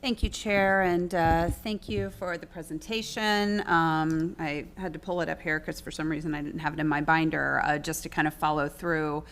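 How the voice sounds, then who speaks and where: Lower-voiced woman on city council. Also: steady tone, moderate pace, few pauses, fairly bright tone. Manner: polite, loose with fillers. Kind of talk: speaking at a council meeting.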